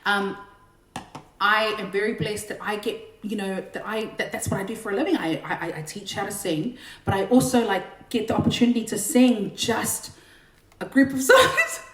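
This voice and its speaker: Speaking in a mid-range voice at a moderate pace, a woman who is a singer and singing teacher livestreams from a home room during lockdown. Between songs she's chatty, joking, and self-deprecating, with a big belting voice. Roomy echo and faint backing music are audible.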